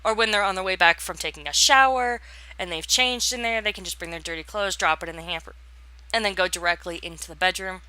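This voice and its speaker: Chatty rambling young woman, bright voice. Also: fairly low pitch, quick pace, no room sound. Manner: rambling, hesitant, lots of fillers and restarts; yawns and laughs while talking. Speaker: gaming channel host. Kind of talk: casual voice-over commentary on a home build.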